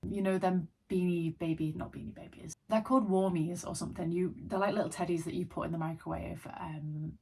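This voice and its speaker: A woman's voice: lowish voice, fairly even intonation, brisk, hardly any pauses, dark tone, breathy edge. A hungover woman content creator chatting casually to camera, telling a personal story in an informal, rambling, self-deprecating way.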